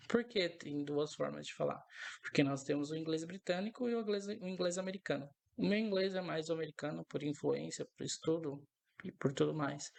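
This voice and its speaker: Male teacher with a gravelly, fry-edged voice; patient, methodical delivery that repeats every example. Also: on the high side, a little mellow. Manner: patient, repeats each example several times; explains step by step, often checks in with "né?". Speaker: English teacher. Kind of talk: recorded language lesson.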